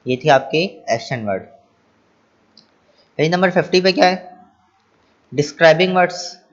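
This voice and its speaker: A man's voice: a little high, lively intonation, moderate pace, highs cut off. A male teacher explaining English action words to children. He spells each word letter by letter, then repeats it, translates it and asks the class rhetorical questions.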